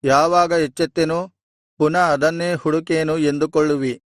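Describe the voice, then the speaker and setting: A man giving a measured, solemn reading of scripture. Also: fairly high pitch, fairly even intonation, no room sound, clean studio sound. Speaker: Bible reader.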